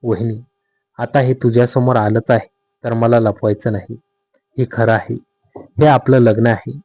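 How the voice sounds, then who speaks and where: A man voicing a calm, insistent young man who pressures his widowed sister-in-law in a storybook tale. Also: medium pitch, unhurried.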